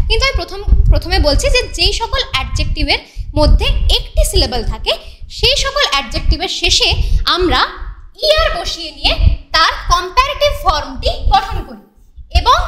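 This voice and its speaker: A woman's voice: extremely high pitch, sharp tone. A woman teaching an English grammar lesson to students, explaining rules patiently step by step and asking the class questions. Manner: reads English example sentences slowly. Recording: echoey room with faint noise.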